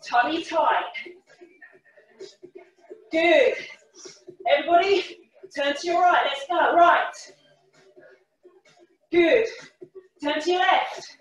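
A woman leading a workout class as a fitness instructor, calling short, energetic, encouraging cues and counts. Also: high-pitched, muffled recording. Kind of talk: live workout class coaching. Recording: echoey room, far from the mic.

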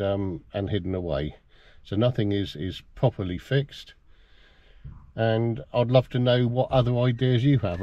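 In a lo-fi recording with no room sound, a middle-aged man with a mid-range voice gives a plain-spoken, casual demonstration for a car DIY video. He works outdoors in a yard and inside a parked car.

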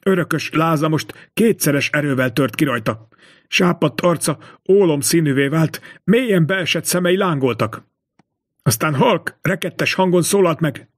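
Guy reading an old novel, fairly high voice, steady storytelling. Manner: measured, expressive storytelling. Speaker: audiobook reader. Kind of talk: literary audiobook narration.

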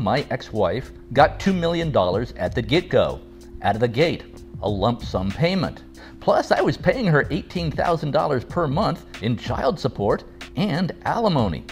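An older man in his sixties talks through a prepared response at home, his pitch swinging widely from phrase to phrase. He explains things step by step with a dry, wry edge, and faint music runs underneath. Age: 60s. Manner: animated, measured explanation with wry asides. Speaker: father responding to a video. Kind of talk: scripted video response. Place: home room, seated in leather armchair.

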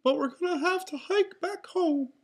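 A woman voicing a cheery, bossy cartoon mouse leader from a storybook, in an excitable, exclaiming way. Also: very high-pitched, normal speed, voice pushed up. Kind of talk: storybook read aloud.

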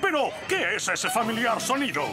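High-voiced, showy cartoon narrator. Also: male voice, sing-song, moderate pace, music in the background. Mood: theatrical. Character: grandiose male cartoon narrator, showy and theatrical. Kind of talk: theatrical scripted narration.

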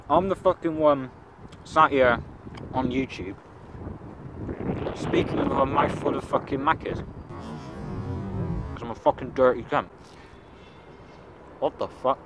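Sweary young English man vlogging outdoors. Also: mid-range voice. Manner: crude, rambling, sweary commentary. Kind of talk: casual swearing vlog. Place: outdoors by an urban road. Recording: outdoor phone recording with traffic noise.

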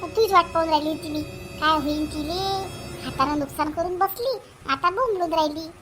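A woman's voice: extremely high pitch, a little fast, over music. A woman voicing a worried, scolding village mother-in-law who repeats herself. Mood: fretting. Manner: repetitive, lamenting, scolding.

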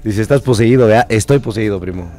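A young Mexican man streams live while hoarse with a cold, his somewhat low voice rough and strained. He chats loosely with viewers, reads their comments aloud and swears freely. Soft music plays faintly underneath. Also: fast talker. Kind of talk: casual live-stream chat.

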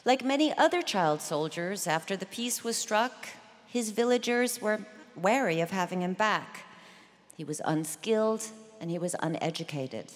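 Woman giving a measured commencement speech. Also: medium pitch, lively intonation, faint music behind. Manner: measured, deliberate storytelling delivery. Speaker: commencement speaker. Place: large ceremony venue. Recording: long reverb of a big venue.

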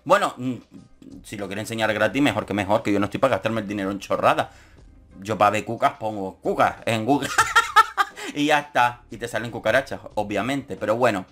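A man's voice: on the low side, a bit bright, soft background music. A man giving camp, sarcastic commentary on a reality show as a YouTuber. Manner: camp, sarcastic, quick jokes. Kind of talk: casual comedic commentary.

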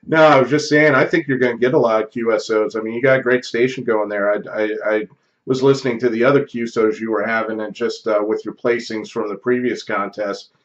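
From a home office radio room, a middle-aged American amateur radio operator talks casually and briskly, with call signs and phonetic spelling, in a steady, medium-pitched voice. A close boom-arm studio mic picks him up, though the highs are cut off.

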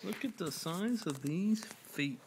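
Woman on a home vid, lowish voice, cooing at a puppy all bouncy, noisy background. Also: expressive, slow. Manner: coos playfully at a puppy. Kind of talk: casual home video chat. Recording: home video with clear background noise.

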